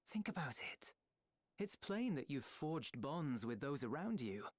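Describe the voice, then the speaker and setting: A man with a medium-pitched voice and big pitch swings plays an earnest young companion in a fantasy video game, delivering lines at a measured pace in a sincere, reassuring way. The recording is dry studio audio with no echo, set over game music.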